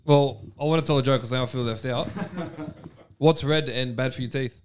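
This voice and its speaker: A man's voice: medium pitch, moderate pace, slight background noise. A man in casual conversation with a joking, self-deprecating way of talking. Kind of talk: casual chat.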